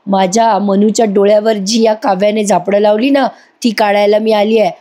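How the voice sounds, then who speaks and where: A scornful, scheming older woman from a TV serial, accusing and cutting, read by a woman narrator. The voice stays mellow and sits at a middle pitch. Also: steady tone, normal speed, natural voice.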